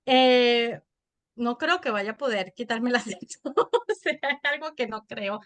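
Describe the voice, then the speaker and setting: A woman in her thirties with a Venezuelan accent, a podcast guest telling stories in an animated, chatty way. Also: on the high side. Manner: animated storytelling, quick and chatty. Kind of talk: casual interview chat.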